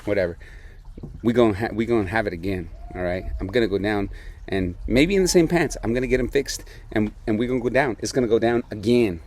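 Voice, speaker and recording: Man, low voice, casual storytelling, animated, acts out quotes, laughs a lot. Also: fast talker, a little hiss or hum. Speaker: beer podcast host.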